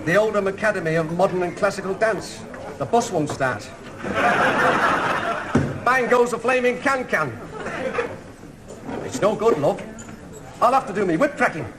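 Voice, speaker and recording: Harried male compère, sitcom, very high voice over loud crowd. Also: expressive, moderate pace, pauses often. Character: harried showman compère of a mock western saloon. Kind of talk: TV sitcom acting.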